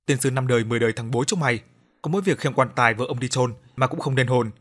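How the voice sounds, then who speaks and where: A man's voice: medium pitch, very fast, a bit bright, lightly acted. A man voicing a foul-mouthed older village chief who bullies and curses, bellowing threats in an audiobook. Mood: furious. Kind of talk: audiobook character voice.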